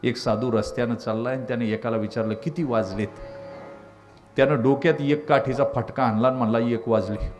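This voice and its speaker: A man preaching a devotional sermon, telling stories dramatically and swinging from low asides to loud, high climaxes. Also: steady tone, fast, few pauses. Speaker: kirtan preacher. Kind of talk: devotional kirtan sermon with storytelling. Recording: live kirtan with instrumental music behind. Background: instrumental music.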